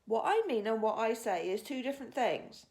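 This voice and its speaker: A big old friendly giant man played by a woman reading a storybook speaks with great emphasis. His pitch is raised and leaps about freely. His grammar is muddled and peppered with made-up words. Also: expressive, normal speed, vocal fry, darkish tone. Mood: emphatic. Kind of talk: children's storybook character reading.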